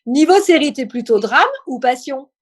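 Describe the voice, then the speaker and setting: A woman with a high-pitched voice hosts a live interview. She speaks informally, setting up questions and addressing her guest in a familiar way. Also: lively intonation, normal speed, breathy edge. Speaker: interview host. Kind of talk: live online interview, quiz-style questions then conversation.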